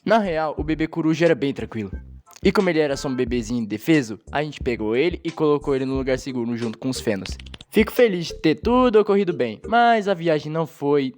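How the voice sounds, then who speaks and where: A young man with a Brazilian Portuguese accent, dubbing an animated storytime as its first-person narrator, telling it in a quick, animated way. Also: fairly high pitch. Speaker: fan dubber narrating a storytime. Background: faint background music.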